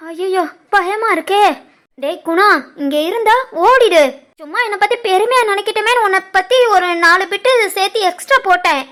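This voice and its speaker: A woman voicing a quick-tempered older mother-in-law who scolds and shoos the family away in an animated family story. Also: very high-pitched. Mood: fretful. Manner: sharp scolding, shooing people off.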